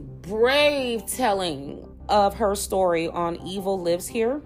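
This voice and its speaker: A woman's voice: medium pitch, a little mellow. American woman, true crime narrator over music. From Detroit, United States. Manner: grave, storytelling true crime narrator delivery with blunt personal asides. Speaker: podcast host.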